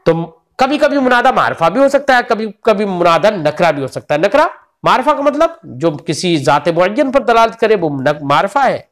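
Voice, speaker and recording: Patient high-voiced male grammar teacher. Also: sing-song, normal speed, a bit bright. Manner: patient, explains with repeated questions to students. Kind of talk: religious grammar lecture.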